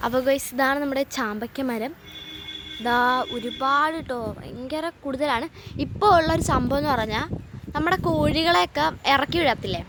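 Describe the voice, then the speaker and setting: Chatty higher-voiced woman vlogging outdoors. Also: fairly bright tone. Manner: chatty, addresses viewers as guys. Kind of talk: casual vlog walkthrough. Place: outdoors around a rural home garden. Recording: faint outdoor background noise.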